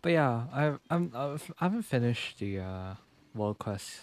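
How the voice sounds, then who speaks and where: Medium in pitch, expressive and a little slow, a young man offers relaxed, chatty commentary while streaming gameplay live as a virtual YouTuber. He thinks aloud as game music plays behind his voice.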